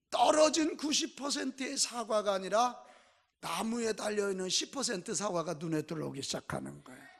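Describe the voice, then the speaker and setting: A middle-aged male pastor preaching a sermon emphatically, swinging between loud and soft and throwing questions to the congregation. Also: high voice, creaky. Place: church sanctuary. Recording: echoey church hall.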